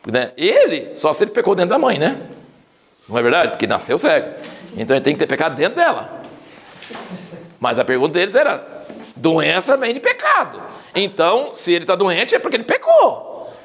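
Man, Bible teacher, informal study talk, very animated pitch, gravelly edge. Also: brisk, long pauses. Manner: lively storytelling, acting out quoted lines.

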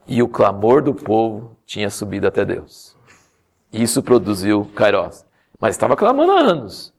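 Man, sermon, animated storyteller, gravelly voice, very expressive pitch. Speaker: pastor.

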